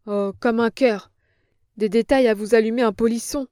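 Woman doing a shrill, whining old hag, high and loud, dry studio read. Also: steady tone, normal speed, no room sound, natural voice. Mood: whining, frightened. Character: old vulgar female innkeeper, whining and scared.

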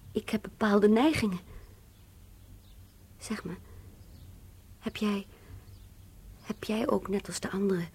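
An actress playing a young woman with strange cravings in a radio play, speaking in a halting, hushed, often whispered way. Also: medium pitch, a little hiss or hum. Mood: hushed, confessing. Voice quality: very breathy.

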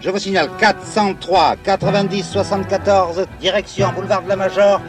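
A police officer calling in over a two-way radio, repeating call signs in clipped radio procedure. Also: male voice, high voice, fairly even intonation, moderate pace, music in the background. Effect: police two-way radio transmission.

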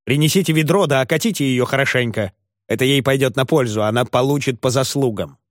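A man voicing an elderly gentleman in a rage, blustering and indignant. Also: medium pitch, quick pace, no echo, studio quality, natural voice. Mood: scornful. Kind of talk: audiobook character voice.

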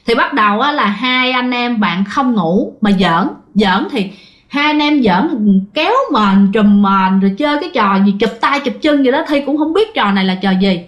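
Southern vietnamese woman telling ghost stories, chatty, talks right to listeners, highish voice. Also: animated, moderate pace, highs cut off. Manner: chatty, addresses listeners directly. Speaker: storyteller. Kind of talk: ghost story narration.

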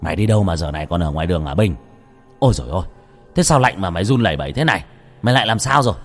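A man voicing a blunt, grumpy older village man who curses and scoffs, with a lively, lowish voice. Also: normal speed, faint music behind. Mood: irritated. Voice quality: gruff, cursing, mocking.

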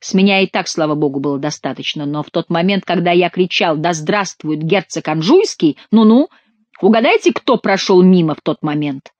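A woman's voice: on the low side, lively intonation, moderate pace, no room sound, muffled recording. A woman voicing a hot-tempered young male courtier who curses angrily. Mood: furious. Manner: angry, cursing.

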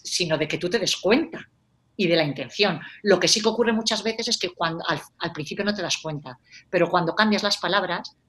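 Woman, life coach, animated, acts out example phrases, conversational. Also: lowish voice.

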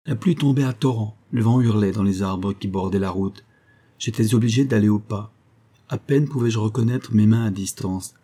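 Dark-voiced, husky male narrator. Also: lowish voice. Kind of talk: audiobook reading.

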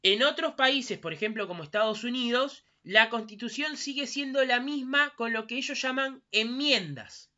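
Bright-voiced Uruguayan woman giving a ceremonial speech. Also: a little high, moderate pace, hardly any pauses, muffled recording. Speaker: speaker at a commemorative civic ceremony.

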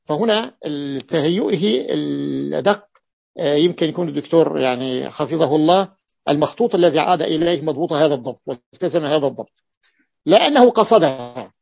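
A sheikh teaching a grammar class, his voice a little high and full of gravel. He explains patiently and says key phrases twice. The recording is dry and lo-fi, with no room sound. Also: lively intonation, fairly quick, dry recording.

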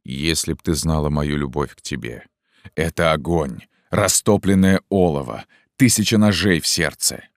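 A desperate, lovesick priest begging in a slow, hushed murmur, as a man acts him out in a storybook. His voice is very deep and sits close in a dry, plain recording. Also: no room sound. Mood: pleading. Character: obsessed middle-aged male priest, desperate and pleading.

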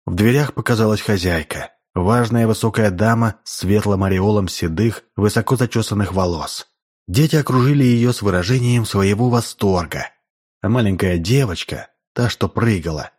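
A man narrating classic prose as an audiobook in a measured, expressive way. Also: on the low side.

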